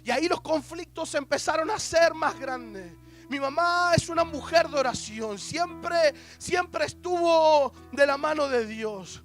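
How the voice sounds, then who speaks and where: A man's voice: very high-pitched, animated, unhurried, a bit bright, faint music behind. A young man, preaching a sermon as an emotional personal testimony with quoted dialogue.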